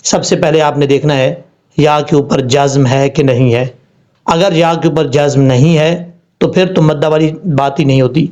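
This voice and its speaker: A man teaching Quran recitation rules, explaining step by step and spelling words out slowly. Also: a little high, darkish tone. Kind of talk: tajweed lesson. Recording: dull lo-fi sound.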